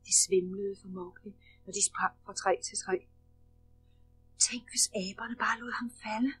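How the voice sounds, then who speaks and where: A woman narrating a children's storybook in a lively, expressive way. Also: medium pitch, soft background music, low-quality recording. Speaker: audiobook narrator.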